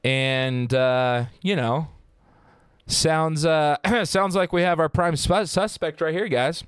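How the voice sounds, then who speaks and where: A man's voice: on the high side, takes it slowly, smooth, no room sound, clean studio sound. A man hosting a casual true-crime podcast, telling the story in a joking, profane and rambling way. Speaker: podcast host.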